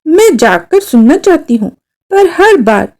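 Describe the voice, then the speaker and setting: Lively, high-voiced woman reading a story. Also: measured pace. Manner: expressive, voicing a young girl's first-person thoughts. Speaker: story narrator.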